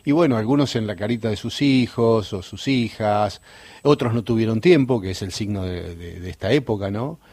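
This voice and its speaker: Musing Argentine interviewer, dry sound. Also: male voice, lowish voice, a little mellow, no echo. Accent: Argentine Spanish. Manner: slow, musing, thoughtful questions. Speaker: interviewer, mindfulness instructor. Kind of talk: reflective interview questions.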